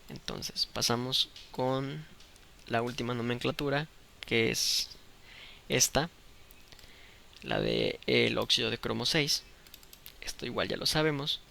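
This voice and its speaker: A man's voice: medium pitch, vocal fry, a bit bright, a little hiss or hum. A man teaching a chemistry lesson, explaining step by step in a patient way and checking often that the students follow. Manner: patient, checks understanding with "¿de acuerdo?".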